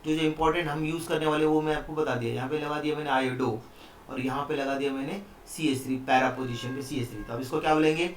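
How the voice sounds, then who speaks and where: A man's voice: on the high side, steady tone, quick pace, slight background noise. A man teaching a chemistry lesson online, explaining step by step and often asking the students questions. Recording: echoey room, mic at a distance.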